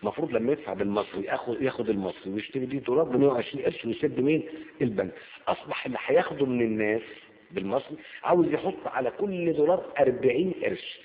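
A man's voice: mid-range voice, racing. A man with an Egyptian accent explaining a story casually, asking and answering his own questions. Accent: Egyptian Arabic. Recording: tinny phone-like lo-fi with faint hiss.

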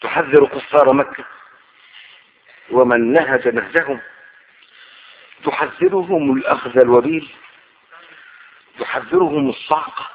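A man's voice: medium pitch, vocal fry, a little hiss or hum. A man giving an emphatic Quranic sermon and commentary, rising to fervent oaths. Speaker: preacher. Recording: tinny lo-fi radio broadcast.

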